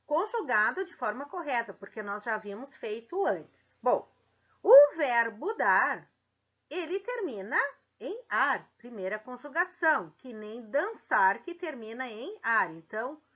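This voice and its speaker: The teacher here is a woman whose slightly high voice has a sharp tone. She leads a slow, explanatory grammar lesson for middle schoolers, questioning the class along the way, captured in dull lo-fi audio.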